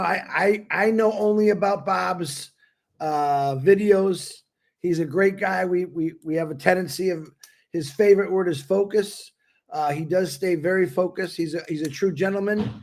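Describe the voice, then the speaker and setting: A man's voice: sits high, gravelly. A man co-hosting a live stream, making upbeat announcements and introducing a guest, stumbling and restarting now and then. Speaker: co-host.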